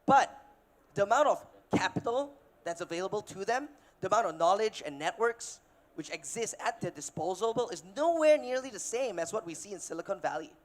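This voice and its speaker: High-voiced man giving a keynote. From Malaysia. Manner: casual, energetic, fast-paced with fillers and restarts. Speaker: keynote speaker, investor. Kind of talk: conference keynote. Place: conference stage before an audience.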